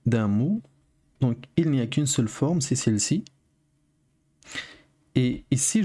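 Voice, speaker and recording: A man's voice: mid-range voice, mellow. A man giving a patient video lesson, teaching letters step by step and repeating each sound for learners. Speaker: Arabic teacher.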